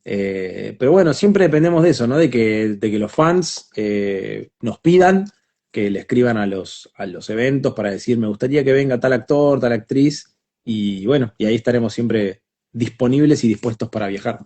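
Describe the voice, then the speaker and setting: A man's voice: lowish voice, animated, moderate pace, warm tone. Reflective man, voice actor guest. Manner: reflective, many small restarts. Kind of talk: casual interview.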